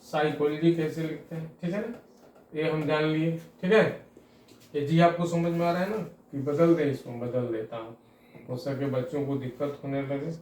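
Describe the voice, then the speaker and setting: A man teaching a spelling lesson to students, slowly spelling words out letter by letter and often checking that they follow. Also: a little high, steady tone, darkish tone, roomy sound, recorded from a distance, slight background noise. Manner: frequent "theek hai na" check-ins. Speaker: English teacher.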